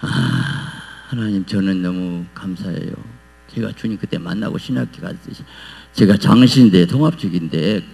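A man preaching a revival sermon in a church as pastor, animated and acting out pleading prayers. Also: sits low, moderate pace, gravelly. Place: church sanctuary. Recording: long hall reverb with mains hum.

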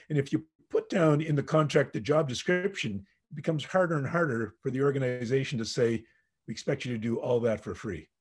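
A man's voice: mid-range voice, darkish tone, husky. A man on a physician panel answering a webinar question, stopping and restarting as he talks, over a computer mic. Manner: halting, self-correcting restarts.

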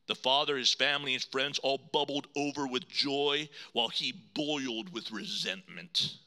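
A man preaching a sermon as pastor, dramatic, swinging between loud emphasis and hushed low lines. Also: normal speed.

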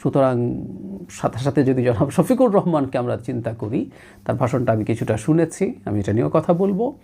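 A male political commentator from Bangladesh, speaking alone on his own show. His pitch swings widely as he stresses his points, and he drifts between languages mid-sentence in an emphatic, analytical way. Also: lively intonation, moderate pace, vocal fry, dark tone, slightly rough. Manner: emphatic, often slips English phrases into his talk.

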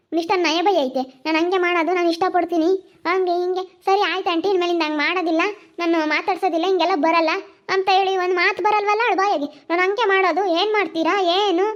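Brief: sharp-tongued village mother, played by a woman, very high pitch, rapid rural Chitradurga Kannada, muffled recording. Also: steady tone. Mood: scolding. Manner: scolding, rapid and shrill.

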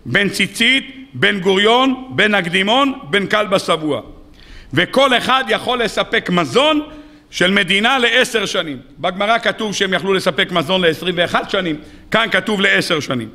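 A rabbi with a high-pitched, sharp-edged voice preaches a sermon. He tells the story in an animated way and keeps asking his listeners rhetorical questions. His tone stays bright and forward throughout.

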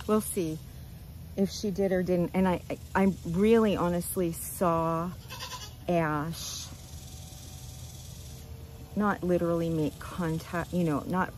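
An older woman chatting casually outdoors on her farm, talking gently and rambling as she loses her train of thought. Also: on the low side, a little hiss or hum, poor audio. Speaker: goat rancher. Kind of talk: casual farm vlog chat.

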